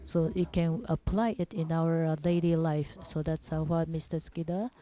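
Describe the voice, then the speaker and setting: Female seminar speaker, Japanese accent, non-native and hesitant, repetitive phrasing, soft dark tone, dull lo-fi recording. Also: low-pitched, steady tone. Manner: halting, simple non-native English with repeated phrases. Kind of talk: informal religious teaching talk. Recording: dull, muffled lo-fi audio.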